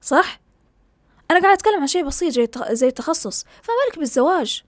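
A woman's voice: high-pitched, lively intonation, very fast, dry recording. A young woman, giving an impassioned, ranting opinion monologue and mixing in English words.

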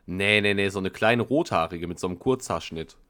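A man's voice: sits low, a little fast, a bit bright. A young man in casual chat, telling his own story between short reactions. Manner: chatty, reacts with short interjections.

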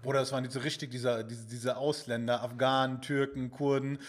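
A man's voice: medium pitch, flat delivery, a little fast. A young man, chatting casually and animatedly with Arabic interjections. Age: young adult. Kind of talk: casual chat.

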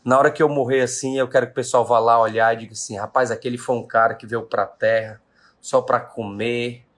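A man's voice: medium pitch, steady tone, a little fast, fairly bright tone. A man in his late thirties from Brazil, a business owner giving an emphatic motivational talk to his live-stream audience, repeating his key questions. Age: 30s.

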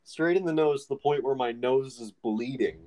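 A man's voice: mid-range voice, moderate pace, darkish tone, a little hiss or hum, poor audio. A young man casually telling a long story with many fillers on a podcast. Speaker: podcast co-host.

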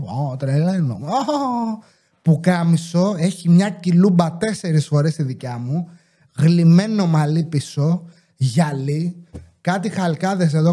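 A man with a high-pitched but soft, mellow voice rambles through a comic story for his podcast. He swears freely and slips into the voices of the people he quotes. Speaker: podcast host.

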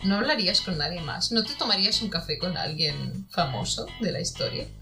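Woman, bright forceful voice, playful podcast chat, faint guitar behind. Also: fairly low pitch, animated, a little fast, creaky. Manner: playful, imaginative, laughs often. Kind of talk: casual chat.

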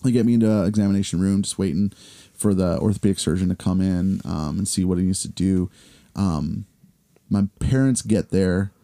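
Mellow-voiced man telling a rambling story. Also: brisk. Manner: rambling, filler-heavy storytelling; acts out quoted people in higher voices. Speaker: podcast co-host. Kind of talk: casual storytelling chat.

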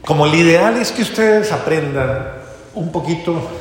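Priest preaching in an echoey hall. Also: male voice, fairly high pitch, expressive, measured pace, slight background noise. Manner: coaxing, repeats commands, builds up lists. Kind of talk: sermon to a congregation. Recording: echoey hall, faint ambience.

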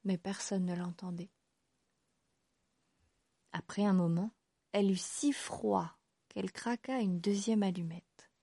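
A woman reading a fairy tale aloud as the storyteller, with expressive storybook narration. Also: mid-range voice, slow, long pauses, no room sound, studio quality.

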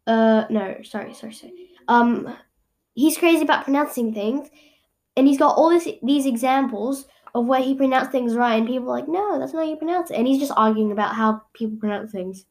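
High-voiced female podcast host, chatty and rambling, casual home setup. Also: brisk, darkish tone. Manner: rambling, chatty, with frequent self-corrections. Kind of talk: casual solo podcast chat. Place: home room.

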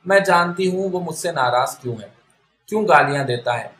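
Guy reading as a scared pregnant young wife, low and bitter, echoey room. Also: lively intonation, a bit bright, a little hiss or hum. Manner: timid, resentful inner complaint.

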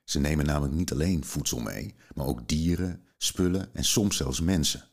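A male podcast host reading a children's book aloud and summarizing its story in a calm, measured way. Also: a bass voice.

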